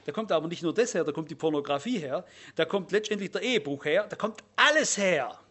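A man preaching a sermon, emphatic, rising loud and dropping low as he reels off lists. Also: lively intonation, quick pace.

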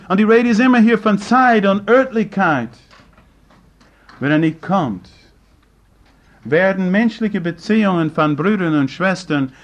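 Male preacher, high-pitched and slow-paced; rhetorical, dynamic sermon delivery with slightly broken grammar. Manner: rhetorical questions to the congregation, swinging between loud and hushed.

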